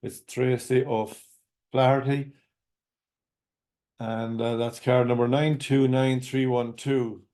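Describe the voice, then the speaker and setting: An Irish man hosts a bingo game as its caller. His voice is mellow and relaxed, sitting at an average male pitch. He delivers everything in a measured, formulaic bingo-calling manner. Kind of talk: bingo calling, numbers read digit by digit then whole.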